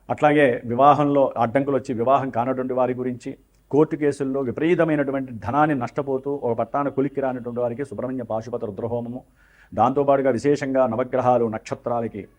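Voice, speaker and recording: A man's voice: medium pitch, a little mellow. A man speaking as an astrologer, giving a forecast with earnest advice and formal devotional phrasing.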